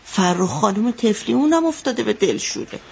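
A woman's voice: medium pitch, lively intonation, vocal fry, a little hiss or hum. An actress playing an anxious mother who recounts a bloody wedding in a radio drama, telling it vividly. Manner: vivid storytelling, shouting out the quotes she retells.

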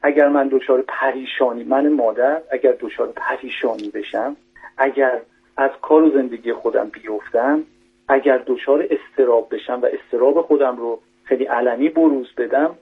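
Husky man on a tinny phone line. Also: medium pitch, fairly even intonation. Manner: methodical, lists numbered points. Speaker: doctor giving parenting advice. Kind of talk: radio call-in advice. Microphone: telephone.

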